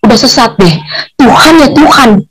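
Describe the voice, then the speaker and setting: A woman's voice: a little high, animated, moderate pace, slightly rough, low-quality recording. A woman telling her personal faith testimony, emotional and chatty, her voice sometimes breaking into tears. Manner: emotional, voice at times tearful and breaking; informal, chatty storytelling with local slang.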